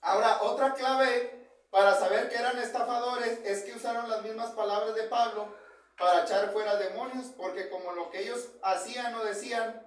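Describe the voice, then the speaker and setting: A man's voice: high-pitched, fairly even intonation, moderate pace. A man preaching an informal Bible lesson in a church hall, talking conversationally and often asking his brothers "right?". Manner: conversational, keeps asking "¿verdad?" and addressing "hermanos". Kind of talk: informal sermon. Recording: very echoey hall, mic far off.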